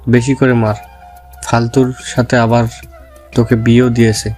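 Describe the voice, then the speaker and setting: A man's voice: mid-range voice, flat delivery, moderate pace, darkish tone, faint music behind, close to an everyday voice. A man playing a hostile, vengeful brother-in-law who threatens and sneers in an audio drama. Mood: contemptuous. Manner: threatening, contemptuous.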